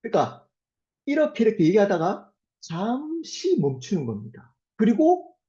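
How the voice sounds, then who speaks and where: 따뜻하고 억양이 풍부한 남성 목사의 설교. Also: male voice, sits high, huge pitch swings, dark tone. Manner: poses rhetorical questions to the congregation; earnest, with slow emphatic phrases. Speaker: pastor. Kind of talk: sermon. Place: church sanctuary. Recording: dull lo-fi sermon recording.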